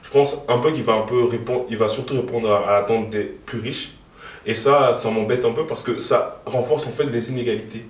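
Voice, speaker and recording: A man's voice: mid-range voice, steady tone, brisk. A young man in his twenties answering interview questions as a youth party co-president, speaking hesitantly with many fillers. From moved to Belgium in 2013. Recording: echoey room, from far off.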